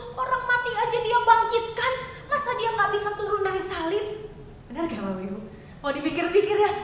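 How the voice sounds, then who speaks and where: A woman pastor giving a chatty, expressive sermon and asking her congregation questions. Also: very high voice, a little hiss or hum. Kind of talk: conversational sermon. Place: church hall. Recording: echoey church hall, mic far off.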